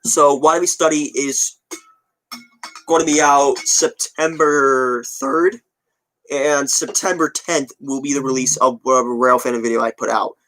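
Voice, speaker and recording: Soft music plays behind this rough recording of a twenty-year-old man talking casually to viewers about their comments. His medium-pitched voice sounds pushed and bright, a little slow, with fairly even intonation, and he rambles and repeats himself offhandedly.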